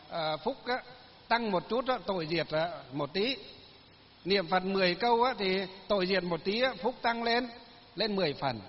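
A monk giving a sermon, telling folksy stories with many fillers. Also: male voice, sits high. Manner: folksy storytelling, many fillers, laughs at own tales. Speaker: Buddhist monk. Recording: lo-fi recording with long hall reverb.

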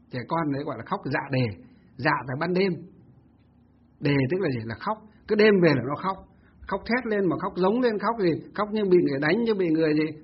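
Man, Buddhist monk, storytelling with rhetorical questions, slightly high voice, muffled lo-fi recording. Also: husky. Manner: lively storyteller asking himself rhetorical questions. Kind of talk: storytelling Dharma talk.

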